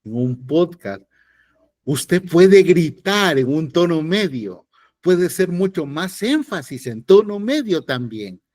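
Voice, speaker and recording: A man's voice: on the high side, big pitch swings, slow, darkish tone, dry recording. A man with a Salvadoran accent teaching podcast acting in an online class, blunt and joking with emphatic advice. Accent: Salvadoran Spanish. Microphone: video call.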